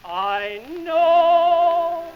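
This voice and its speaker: A man sings a tender ballad in a high voice, heard from an old wax cylinder gramophone recording. He draws out each phrase very slowly, and music plays clearly under him. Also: expressive, phone-quality sound. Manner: slow, drawn-out sung phrases. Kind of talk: sentimental ballad singing.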